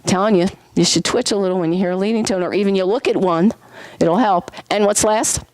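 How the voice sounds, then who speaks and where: A woman teaching a music class in a lively way, often questioning her students and singing examples. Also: medium pitch, fairly quick, no echo. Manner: lively, sings solfege and vocal sound effects to demonstrate; asks the class frequent questions. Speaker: music instructor. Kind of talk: classroom lecture.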